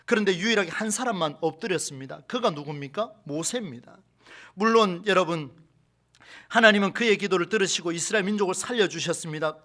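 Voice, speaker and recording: A man preaching a Sunday sermon as a pastor in a church, animated, with rhetorical questions and acted-out quotes. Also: high-pitched, fairly quick. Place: church sanctuary.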